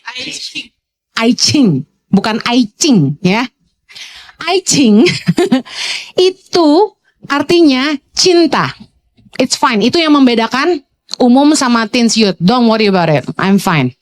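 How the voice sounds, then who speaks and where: A woman pastor, preaching to a youth congregation in a lively storytelling way, slipping in English phrases. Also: measured pace. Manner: swings to high, playful exclamations.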